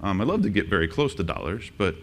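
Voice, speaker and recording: A man presenting a conference workshop, joking and quizzing the audience with quick questions. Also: low-pitched, sing-song, slight background noise. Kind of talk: interactive conference talk. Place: conference session room.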